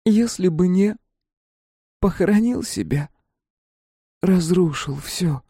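A man's voice: high-pitched, lively intonation, slow, warm tone, husky, dry recording, clean studio sound, pitched above the performer's own voice, full character voice. A man voicing a wife who calls out broken, accusing fragments from under collapsed concrete. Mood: reproachful. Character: reproachful wife's voice from under rubble.

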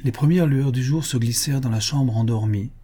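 Husky, warm-voiced male audiobook narrator. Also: medium pitch. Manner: solemn, measured reading.

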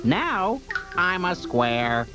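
This time the mascot's voice is lowish and heavily acted, with big pitch swings and an extremely slow delivery. A woman plays the giggly cartoon face for a kids' channel, joking playfully with young children as music plays behind her.

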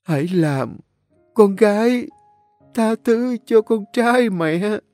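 A man's voice: high voice, lively intonation, darkish tone, no echo, soft background music, pitched above the performer's own voice. A man voicing a frail dying old mother. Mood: pleading tearfully. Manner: faint, halting, breathless whisper. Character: frail dying elderly mother, gasping and broken.

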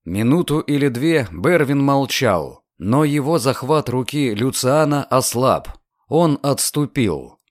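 A man reading a novel aloud as audiobook narrator, in an expressive storytelling manner. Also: medium pitch, slow, no echo, studio quality. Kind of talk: scripted narration.

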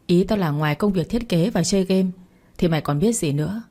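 A woman's voice: on the low side, fairly quick, dark tone. Bossy scolding mother, read by a woman. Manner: scolding, blunt commands. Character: scolding middle-aged mother, bossy and stubborn.

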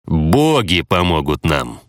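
A man's voice: extremely low pitch, sing-song, slow, no room sound, clean studio sound, full character voice. A man voicing a proud, pompous male fighter who role-plays with solemn dignity.

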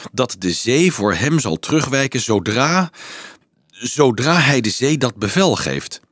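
An earnest teenage boy addressing a crowd of children, halting at first and then pressing and eager, as a man reads him aloud. His delivery rises and falls in a lively way. The storybook recording is dry and close. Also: medium pitch, no echo, pitched above the performer's own voice. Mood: hesitant. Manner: hesitant, then urgent and explaining. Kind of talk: audiobook reading.

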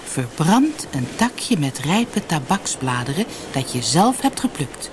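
A woman's voice: sits low, big pitch swings, slow, background noise, full character voice. A woman reading the solemn message of a young man returned from the land of the gods in a fairy tale.

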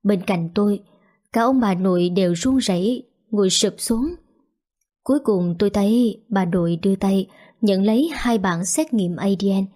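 A woman reading a sorrowful first-person novel aloud in a slow, steady narration. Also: mid-range voice. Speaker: audiobook narrator.

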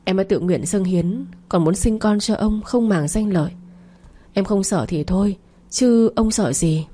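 A woman's voice: mid-range voice, a little slow, mellow, breathy edge. Woman reading as scheming young mistress. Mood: coaxing. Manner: coaxing, wheedling.

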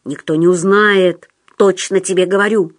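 A woman voicing a manipulative male psychiatric patient who talks in a low, insistent, conspiratorial way. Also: steady tone, moderate pace, no room sound, clean studio sound, natural voice. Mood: scheming.

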